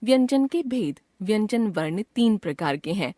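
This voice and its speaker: A woman's voice: mid-range voice, lively intonation, warm tone, no room sound, clean studio sound. A woman reading out a scripted grammar lesson as a teacher, carefully drawing out each sound she names. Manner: slow, careful, drawn-out enunciation of sounds.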